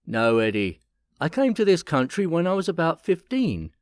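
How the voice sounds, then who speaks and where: A jolly uncle who cracks jokes with his nephews, as a man reading the story puts him on. His voice is lively and up-and-down, and it sounds dry and close to the mic. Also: on the high side, normal speed, dry recording, voice pushed up. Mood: cheerful. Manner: cheerful, teasing.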